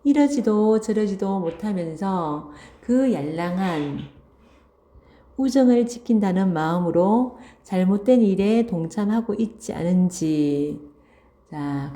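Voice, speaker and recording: A woman's voice: mid-range voice, lively intonation, warm tone. A woman teacher reading a story aloud and explaining it line by line, repeating key words and checking in with students. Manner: reads passages aloud, then restates key words slowly and asks "그치?". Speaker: Korean language teacher. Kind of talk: online literature lesson, reading and explaining a story.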